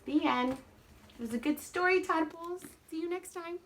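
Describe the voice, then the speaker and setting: In a very high, somewhat bright voice at normal speed, a woman reads a picture book to the young children she teaches. She's animated and expressive, addressing them directly with questions. The recording is low quality, with a little hiss or hum.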